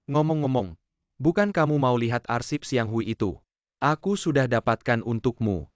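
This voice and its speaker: Dub role: man voicing a mocking, smug older brother, mid-pitched voice, dry lo-fi sound. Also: normal speed, no echo, lightly acted. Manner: mocking, condescending. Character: teasing, condescending older brother. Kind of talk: dubbed TV drama dialogue. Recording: dull lo-fi dubbing, dry.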